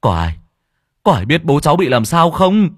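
A man's voice: a little high, very animated, moderate pace, husky, no room sound, clean studio sound, pitched above the performer's own voice. A man voicing a grown son crying out in grief for his dead father in an audio story. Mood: anguished. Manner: sobbing, anguished crying out.

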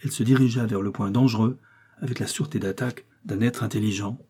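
A man reads a classic novel aloud in a measured, steady manner. His voice is low, dark and mellow, with a husky grain. He keeps an even storytelling pace. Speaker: audiobook narrator. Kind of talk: literary audiobook narration.

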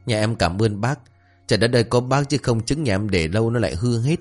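A man's voice: mid-range voice, animated, brisk, faint music behind, lightly acted. A man voicing a flustered middle-aged woman who runs an egg shop, with a pleading, fussing way of talking. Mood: cheerful.

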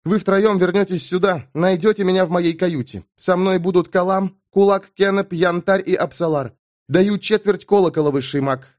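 A man's voice: high-pitched, fairly even intonation, normal speed, a little mellow, no room sound, studio quality, voice pushed up, lightly acted. A man reading an audiobook aloud, voicing a cold woman commander who speaks in curt, clipped orders. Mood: commanding.

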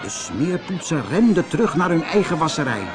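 A man narrating a children's story in an expressive, animated reading. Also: on the high side, normal speed, a crowd in the background.

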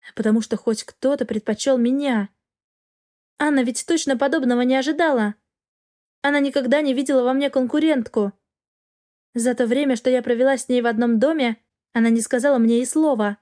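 A woman narrating a first-person fantasy novel with an expressive, wry inner voice. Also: high-pitched. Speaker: audiobook narrator.

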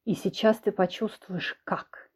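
A woman's voice: steady tone, a little mellow, husky. A woman doing a smug, menacing husband. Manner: low, slow, insinuating menace. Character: menacing controlling husband, grown man, smug and cruel. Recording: dull lo-fi recording.

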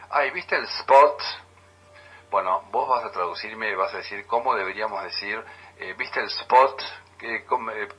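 A man with an Argentine accent co-hosting a casual radio chat, musing aloud with frequent pauses. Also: fairly low pitch, husky, lo-fi sound. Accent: Argentine Spanish. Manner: chatty, muses aloud with many pauses. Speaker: radio co-host. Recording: radio broadcast.

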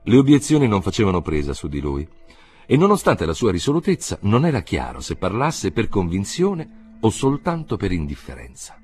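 A man reading a literary audiobook aloud in a measured, expressive way. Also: lowish voice, husky. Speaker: audiobook reader.

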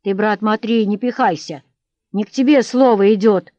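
A gruff, cornered vagabond man snaps back at the crowd, as a woman narrator puts him on. Her voice stays dry and a little muffled in the recording. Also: mid-range voice, moderate pace, no room sound, natural voice. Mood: defiant. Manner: rough, defiant shouting.

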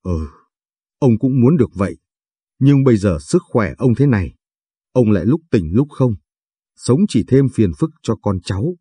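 A man voicing a frail, dying old grandfather in a storybook reading, weary and gently teasing. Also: mid-range voice, animated, moderate pace, long pauses, breathy edge, no room sound, clean studio sound. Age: older.

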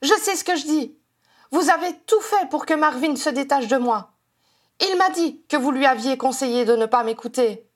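A woman's voice: sits high, animated, normal speed, voice pushed up. A woman reader voicing a strident, resentful young wife who accuses everyone around her. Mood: bitter, shrill. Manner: accusing, bitter, defensive.

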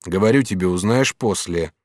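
A low, firm master artist, as a man acts him out, proud and sly, with a hot temper under the calm. He speaks in measured, commanding phrases. The recording is close and dry. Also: no room sound, lightly acted. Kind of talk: audiobook character reading.

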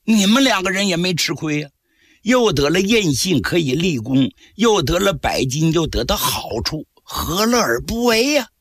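A man voicing a cunning captured general who pleads and bargains in a low, wheedling voice, in traditional storytelling. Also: very animated, moderate pace, fairly bright tone, husky, dry recording, clean studio sound, exaggerated voice. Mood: bargaining. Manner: low, wheedling, slyly persuasive. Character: captured male enemy general, cunning, pleading then menacing.

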